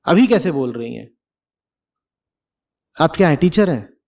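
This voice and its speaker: A man's voice: on the high side, very animated, measured pace, gravelly, darkish tone. A middle-aged man answering questions in a live hall session, blunt and teasing with rhetorical questions. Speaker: spiritual teacher answering questions. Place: large hall at a festival.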